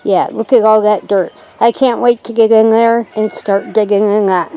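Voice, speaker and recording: A woman's voice: mid-range voice, steady tone, moderate pace, dark tone, clean tone, rough recording. A woman hosting a casual garden tour outdoors, chatty and homespun, a little out of breath as she walks. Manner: chatty, homespun, says "yeah" a lot. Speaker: channel host. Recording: faint outdoor noise and wind.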